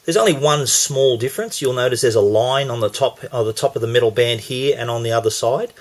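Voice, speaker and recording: A man's voice: medium pitch, a little fast. A man with an Australian accent hosting a casual gadget demo, chatty and explaining as he goes with a few restarts. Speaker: tech reviewer.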